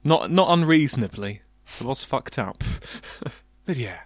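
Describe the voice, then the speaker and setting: A man's voice: medium pitch, animated, slow, dry recording, clean studio sound. Man reading fan fiction for laughs. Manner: mock-dramatic reading, laughs often. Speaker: podcast host reading fan fiction aloud. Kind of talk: comedic reading and banter.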